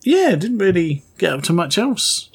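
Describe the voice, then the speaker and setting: A man's voice: high voice, sing-song, a little slow, husky. Guy in his 40s, chatty co-host, pokes fun at himself, chuckles a lot. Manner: chatty, self-deprecating, laughs at his own jokes. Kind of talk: casual chat.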